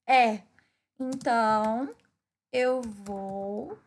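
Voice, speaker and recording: A Brazilian woman teaches English grammar in an unhurried, measured way and walks through each rule step by step. Her voice sits high, with a gravelly fry running under it. She keeps checking in with her students. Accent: Brazilian Portuguese. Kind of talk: recorded class explanation.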